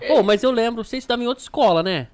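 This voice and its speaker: A man's voice: extremely high pitch, expressive, racing. A Brazilian man hosting a podcast with kids in playful, slangy casual chat. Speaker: podcast host.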